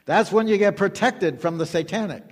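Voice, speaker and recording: Male preacher, higher-pitched voice, emphatic repetitive delivery with call-and-response, long hall echo. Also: normal speed. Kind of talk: sermon.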